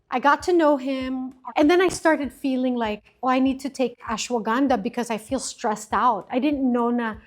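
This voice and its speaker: An interview guest, a woman in her fifties, tells a story casually and with animation, acting out quoted lines as she mixes English and Filipino. Her voice is high-pitched at a moderate pace with few pauses, and faint music plays behind her.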